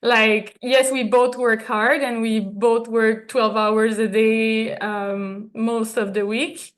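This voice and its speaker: A woman's voice: fairly high pitch, little pitch movement, slow. A woman with a French accent, a native French speaker, giving an acceptance speech on stage and sometimes searching for English words. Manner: searches for English words, many fillers, soft laughs.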